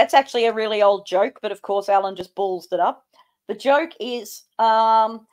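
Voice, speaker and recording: A woman's voice: fairly high pitch, a little mellow. A woman giving sarcastic reaction commentary, with a mocking, scolding way of talking. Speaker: host of a reaction show.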